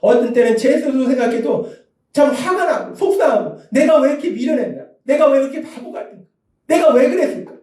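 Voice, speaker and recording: A male pastor preaching a sermon with emphasis, swinging from loud outbursts to soft hushed speech. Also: extremely high pitch, lively intonation, a little fast. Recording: echoey church hall, distant mic.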